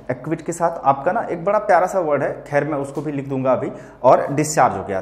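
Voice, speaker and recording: A man's voice: on the high side, a little mellow, reverberant. A man teaching English vocabulary to students in Hindi, explaining patiently and often checking that they follow. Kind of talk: vocabulary lesson.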